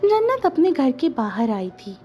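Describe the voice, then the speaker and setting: A woman narrating a serialized story in a gentle, conversational storytelling manner. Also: high-pitched, big pitch swings, unhurried, soft background music.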